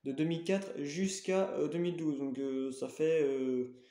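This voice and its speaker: A man's voice: on the high side, unhurried, mellow, reverberant. A man showing his game collection in a casual, hesitant way, full of fillers and self-corrections. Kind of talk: casual show-and-tell.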